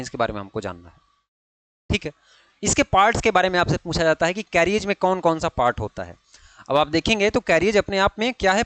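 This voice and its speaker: Male lecturer, slightly high voice, dry close mic, repetitive question-and-answer teaching. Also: fairly bright tone, no echo. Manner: frequent checking tags, repeats key terms. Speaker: ITI fitter exam teacher. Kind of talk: online classroom lecture.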